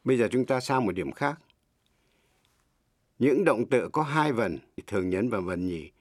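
A middle-aged man teaching English in Vietnamese, a native Vietnamese speaker who explains slowly and spells words out letter by letter. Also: medium pitch, animated, no echo, clean studio sound. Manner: slow, deliberate, spells words letter by letter and repeats examples.

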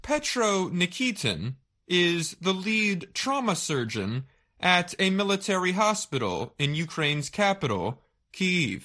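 A woman reading a scripted news story for language learners, deliberately, in short phrases with pauses. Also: lowish voice, sing-song, fairly bright tone. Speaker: narrator of a simple English news story. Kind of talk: slow scripted learning-English narration.

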